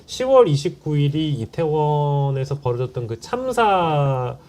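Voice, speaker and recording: A man's voice: a little high, very animated, measured pace, darkish tone. A male host running a casual chat, joking and laughing along with his guest. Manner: chatty, laughs along, hedging fillers.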